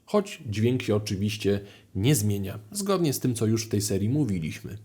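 Man, language teacher, mellow voice, clear explanations, video lesson. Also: moderate pace. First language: Polish. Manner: explains clearly, with lively rises in pitch.

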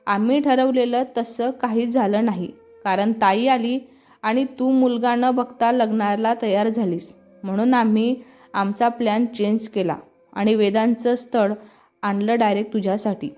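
Woman reading as a calm older father. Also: a little high, a little slow, natural voice. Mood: reassuring. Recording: slightly muffled with soft music.

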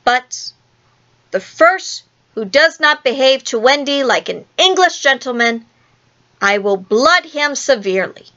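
A silly young boy who speaks up with earnest dignity, as a woman reading aloud voices him. His voice is pitched a little high and the recording sounds dull and lo-fi. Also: lively intonation, a little slow, pushed and bright, full character voice. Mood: dignified.

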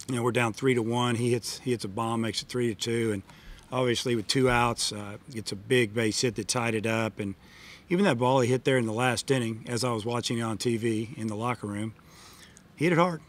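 Plain-spoken middle-aged coach at a press table. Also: male voice, medium pitch. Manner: plain-spoken, matter-of-fact, many fillers. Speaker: baseball head coach. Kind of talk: postgame press conference answers. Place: press room in front of a sponsor backdrop. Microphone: table mic in front of him.

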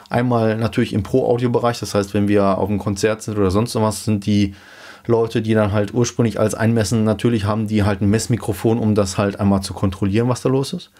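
A man in his thirties explaining gear in a casual home-studio vlog, relaxed with many fillers, into a dynamic studio mic. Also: on the low side. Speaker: YouTube host explaining car audio gear. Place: small home studio room indoors. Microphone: dynamic studio mic in front of him.

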